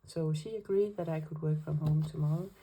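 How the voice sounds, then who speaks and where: A Danish woman speaking English as a second language, with a Danish accent, chats hesitantly while setting up her weekly planner for her planner vlog. Her low, mellow, husky voice is brisk with fairly even intonation, and she speaks carefully with many fillers. The recording quality is low.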